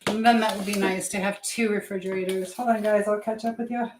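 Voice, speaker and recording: The speaker, a language teacher and livestream host, rambles and thinks aloud in casual live chat while cooking in her home kitchen. Her voice is medium-pitched and steady, and she talks a little fast. The recording features a roomy echo and clear background noise.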